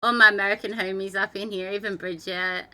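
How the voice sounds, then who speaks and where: Speaking quite quickly in a mid-range, sharp-toned voice with fairly even intonation, a young adult Australian livestreamer rambles and curses from a downstairs room in her house. She laughs often and seems close to tears throughout the casual chat.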